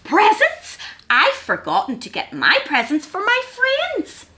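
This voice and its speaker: A woman voicing a childlike, kindly little male hedgehog in a storybook, with squeaky, excitable exclamations. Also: slow pace, heavily acted. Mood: panicked. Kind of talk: storybook character voice.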